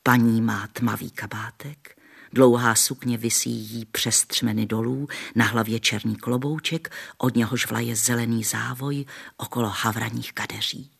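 Man narrating an old novel audiobook, husky gravelly voice. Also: mid-range voice, steady tone, a bit bright. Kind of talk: reading a classic novel aloud.

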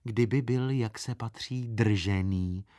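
A man voicing a stingy, nagging middle-aged aunt in a very thin, high, scolding voice for a storybook reading. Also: mellow, dry recording, studio quality, natural voice. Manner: scolding and preachy.

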